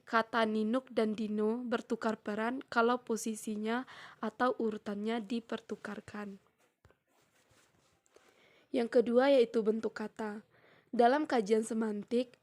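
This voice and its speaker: A young woman presents a grammar lesson, reading a prepared text at a steady, measured pace. Her voice sits a little high, and she slows down to spell out each example sentence. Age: young adult. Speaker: student presenter. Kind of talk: reading a prepared lecture on syntax.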